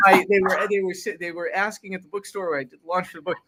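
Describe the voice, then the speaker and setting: A man's voice: high voice, steady tone, very noisy. A man who is the author and guest in an interview, talking conversationally with fillers and restarts. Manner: quick, halting with fillers and restarts.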